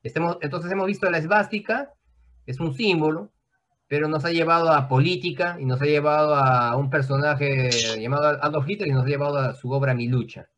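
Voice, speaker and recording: A man's voice: fairly high pitch, steady tone, fairly quick, a bit bright. A man teaching an online class, explaining at length in a conversational way and often checking in with his students.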